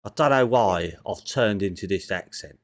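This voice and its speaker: A man's voice: on the high side, lively intonation, moderate pace, lightly acted. A man doing a cocky six-year-old boy haggler. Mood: boastful. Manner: blustering, stammering salesman patter with swearing.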